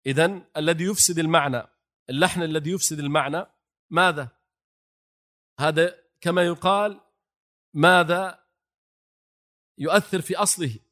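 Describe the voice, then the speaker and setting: A man delivering an Islamic lecture with a slightly higher voice. He speaks to his listeners as brothers and keeps asking them questions that he then answers himself. Now and then he recites short phrases aloud to show how they should sound. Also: normal speed, pauses often, a bit bright. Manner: demonstrates the call to prayer phrases aloud. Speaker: religious teacher.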